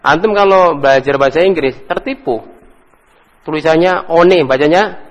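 A man's voice: fairly high pitch, normal speed. A man teaching an Arabic grammar lesson, patiently correcting students and praising them often. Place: mosque study hall. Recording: long hall reverb.

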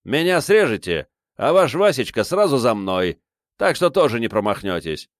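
A man voicing a defiant middle-aged father who shouts in an audiobook. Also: medium pitch, very animated, normal speed, no room sound, clean studio sound, pitched above the performer's own voice, natural voice.

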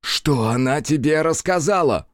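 A raging warrior leader from a fantasy audiobook who shouts at a traitor, his voice lifted high and loud, as a male reader acts him out. the sound is dry and close. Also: lively intonation, unhurried, dry recording. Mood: furious. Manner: shouting in rage. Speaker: audiobook narrator.

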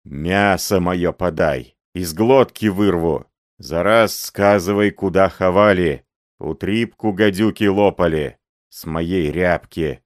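A man voicing an enraged male villager who snarls out slow, heavy threats, reading a story aloud. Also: deep voice, no room sound, clean studio sound. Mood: raging.

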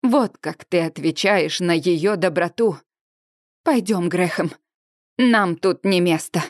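A woman reading an audiobook, voicing a proud older mother who scolds with a shaking voice, lower than her narration. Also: slow pace, dry recording, clean studio sound. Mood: indignant. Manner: proud, trembling with indignation.

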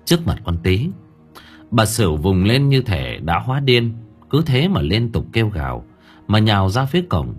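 A man narrating an audiobook story with dramatic, expressive delivery. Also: lowish voice, moderate pace, breathy edge, soft background music.

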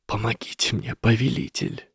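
A man's voice: medium pitch, steady tone, normal speed, creaky, a little mellow, breathy edge, dry recording, clean studio sound, voice pushed up. A man voicing a desperate, weeping young boy wizard who trembles, pleads and then screams, in an audiobook reading. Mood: pleading. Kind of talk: audiobook character voice.

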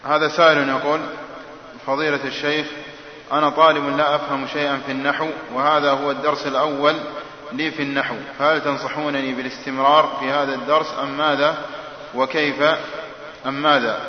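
Man reading out audience questions, fast and flat, off-mic in a reverberant hall with faint background noise. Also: a little high. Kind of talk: reading a written question aloud. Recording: distant, echoey hall, dull lo-fi sound.

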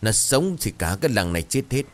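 A man's voice: lowish voice, big pitch swings, fairly quick, noisy background. A man voicing a frenzied village mob. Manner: shouting, frenzied. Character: frenzied superstitious villagers demanding a sacrifice.

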